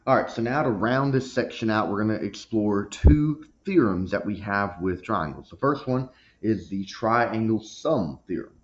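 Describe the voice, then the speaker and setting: Lowish male teacher explaining geometry step by step, checks in with okay a lot, dull lo-fi sound. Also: expressive, normal speed, slight background noise. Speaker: math teacher. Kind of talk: recorded math lesson. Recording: dull lo-fi recording.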